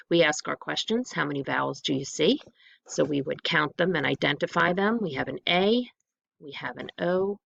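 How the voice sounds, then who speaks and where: A woman's voice: sits low, creaky, dry recording, dull audio. A woman reading teacher giving a patient, methodical phonics lesson, repeating her questions step by step for learners.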